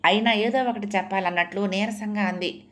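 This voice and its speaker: Woman narrating an audio novel. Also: mid-range voice. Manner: measured, expressive storytelling.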